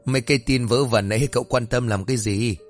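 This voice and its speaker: A man voicing a hearty, middle-aged village boatman who talks in a loud, jovial, folksy way. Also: mid-range voice, steady tone, quick pace, soft background music, natural voice.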